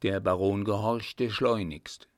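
Slow, measured male audiobook narrator. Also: fairly low pitch, steady tone, dry recording, clean studio sound. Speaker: audiobook reader.

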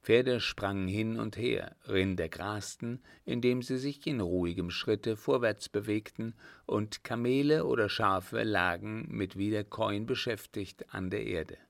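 A man narrating a novel aloud in a steady, measured reading. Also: on the low side, gravelly, dry recording, studio quality. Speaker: audiobook narrator. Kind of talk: scripted narration.

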